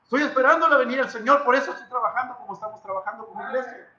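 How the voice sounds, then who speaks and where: Speaking very fast in an extremely high voice, a pastor with a Mexican Spanish accent preaches a dramatic, emphatic sermon in a church hall. He repeats phrases and puts questions to the congregation, and crowd noise can be heard. The recording is echoey and muffled.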